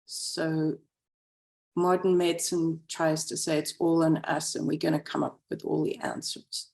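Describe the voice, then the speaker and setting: A woman's voice: deep voice, flat delivery, unhurried, gravelly, a little mellow. A woman therapist speaking thoughtfully on a video call, her audio glitching and breaking up. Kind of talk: group discussion on a video call.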